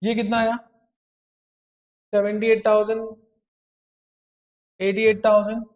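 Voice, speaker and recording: High-voiced man teaching accounts. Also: completely flat delivery, slow pace, dull audio. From India. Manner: coaxing, asks students questions. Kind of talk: classroom lecture.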